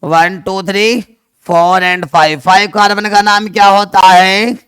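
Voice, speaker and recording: A man teaching a chemistry class online, mixing two languages, speaking loudly and affectionately to his students while asking them questions and answering them himself. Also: sits high, little pitch movement, a little slow, clear, resonant tone, no room sound, studio quality. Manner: affectionate, calls students "dear children".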